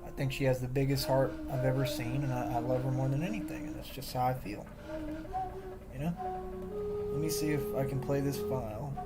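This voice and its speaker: A man rambling on a livestream, boastful and defensive, circling back over the same points again and again. Loud music plays right behind his voice the whole time. His pitch sits in a middle range for a man. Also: fairly even intonation, brisk. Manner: boastful and defensive, repeats himself.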